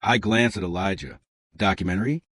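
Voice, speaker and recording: Brief: male narrator, low voice with lively pitch, measured and bitter, dry close sound. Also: no echo. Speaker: story narrator. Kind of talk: scripted first-person narration.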